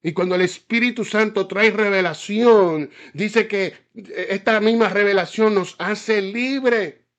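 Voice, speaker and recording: A man from a Caribbean island preaches a fiery sermon in a high, fairly bright voice at a slow pace. He often stops to ask whether his listeners understand, stammering restarts and repeating words, and the recording is slightly dull and lo-fi.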